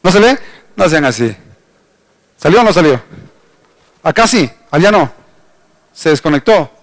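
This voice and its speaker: High-voiced Ecuadorian pastor teaching. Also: male voice, big pitch swings. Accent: Ecuadorian Spanish. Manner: explanatory, addresses the congregation directly, slows to spell out words. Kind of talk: teaching sermon. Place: church hall.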